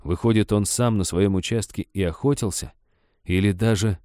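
A man playing a gruff, wary forester. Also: lowish voice, fairly even intonation, normal speed, dark tone, no room sound, studio quality, natural voice. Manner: gruff, blunt. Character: grumbling cautious male forester, nervous and gruff.

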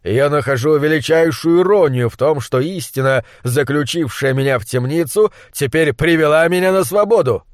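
A man's voice: on the high side, moderate pace, hardly any pauses, no room sound, studio quality, natural voice. A man voicing a brilliant, bitter monster scientist who speaks with acid sarcasm. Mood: scornful. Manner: acid, sardonic.

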